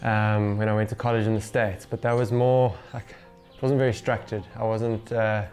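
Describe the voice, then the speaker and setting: A professional golfer in his twenties chats casually to camera in an interview, recorded on a lapel mic in a small home gym room indoors with background music playing. His voice is fairly low and darkish, with a level tone at normal speed.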